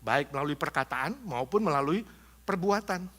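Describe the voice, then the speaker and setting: A male pastor from Indonesia preaching with a high, bright voice that swings widely in pitch. He jokes with the congregation and acts out quick scenes of people quarrelling. The delivery is a lively, playful church sermon. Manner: animated, humorous preaching with acted-out quotes. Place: church in Los Angeles.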